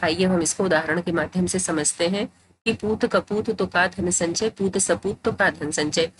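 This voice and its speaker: A woman teaching Hindi grammar in a tutorial, explaining patiently and repeating phrases to make each point clear. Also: fairly low pitch, moderate pace, slight background noise, rough recording.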